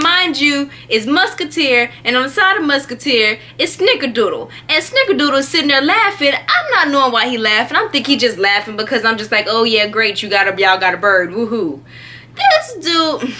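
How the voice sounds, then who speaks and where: High bright chatty young woman. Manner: animated, chatty, often laughing. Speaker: vlogger. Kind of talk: casual storytime.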